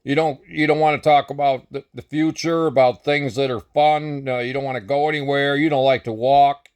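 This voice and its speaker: A man's voice: mid-range voice, steady tone, brisk, clean tone. An older American man telling a long, rambling dating story in a casual, blunt and sometimes profane way. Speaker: vlogger.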